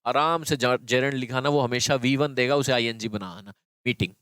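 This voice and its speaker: A man's voice: mid-range voice, normal speed, fairly bright tone, clear, resonant tone, no room sound. A man teaching an exam-prep English grammar lesson, explaining step by step and repeating key phrases to his students.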